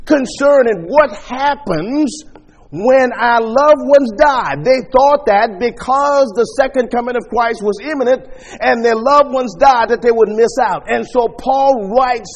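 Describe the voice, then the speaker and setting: A man preaching a sermon at a pulpit microphone, teaching in a measured way as he walks his listeners through scripture verses. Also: extremely high pitch, long reverb tail.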